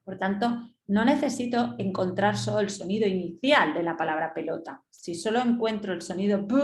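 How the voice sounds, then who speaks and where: A woman's voice: mid-range voice, reverberant, slight background noise. A woman leading an instructive webinar, explaining step by step and often checking in with her listeners. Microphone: webinar computer mic.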